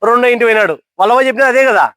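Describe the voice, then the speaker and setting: A man's voice: very high voice, very fast, fairly bright tone, no room sound. A young man telling a motivational story to listeners, asking them questions and acting out characters' lines.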